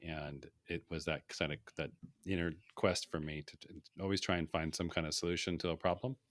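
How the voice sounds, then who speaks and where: A man from Saudi Arabia speaks as a podcast guest with a very low voice. He lays out his thoughts in a structured way with pauses and fillers, and his voice sounds dry and close to the mic. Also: fairly even intonation, a bit bright, no room sound. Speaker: guest, portfolio manager. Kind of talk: casual interview.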